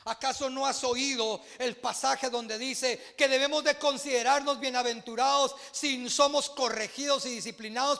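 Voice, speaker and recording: A Guatemalan pastor preaches a sermon, his voice high and bright with a gravelly edge. He swings between booming exclamations and hushed asides, while long reverb trails through the church hall. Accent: Guatemalan Spanish.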